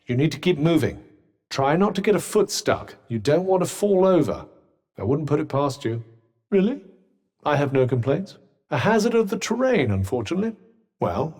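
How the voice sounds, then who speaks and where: Cuff, a reverberant sardonic British talking bracelet. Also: male voice, a little high, a little mellow. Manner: dry, wry, pompous, articulate. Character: sardonic, fussy talking magic cuff, a bickering companion. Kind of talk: video game character dialogue. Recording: long reverberant echo on voice.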